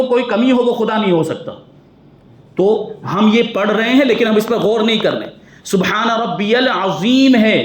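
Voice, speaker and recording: An earnest male mufti teaches Quran commentary in a mosque, pressing his listeners with question after question. His voice sits high. The hall gives it a roomy echo.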